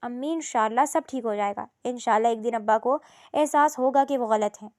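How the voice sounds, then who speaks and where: A woman voicing a gentle young daughter who coaxes and pleads softly in a storybook reading. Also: on the high side, no echo, studio quality, natural voice. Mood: pleading.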